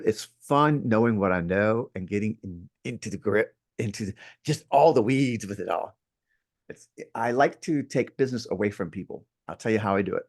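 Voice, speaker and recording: Brief: male real estate instructor, mid-pitched, emphatic and playful, a lively storyteller. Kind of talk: interview conversation. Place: at home near an outdoor deck.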